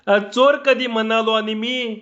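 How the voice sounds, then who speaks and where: A man voicing an excitable, muddled village man who talks in a high, excited voice. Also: unhurried. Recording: dull lo-fi recording.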